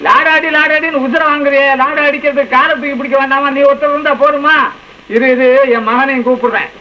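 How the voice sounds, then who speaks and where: Actor as scolding old blacksmith father, high bright voice, old film comedy, dull lo-fi soundtrack. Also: steady tone, brisk, a little hiss or hum. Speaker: blacksmith father who shoes horses. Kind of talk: 1950s Tamil film comedy acting.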